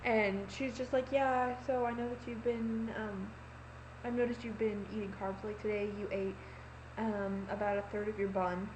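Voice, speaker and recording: A woman's voice: mid-range voice, level tone, normal speed, a little mellow, a little hiss or hum, low-quality recording. A young woman talking casually into her laptop, rambling with lots of fillers and acted-out quotes. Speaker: vlogger. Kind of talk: casual confessional vlog. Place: home room, laptop recording. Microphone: laptop webcam mic.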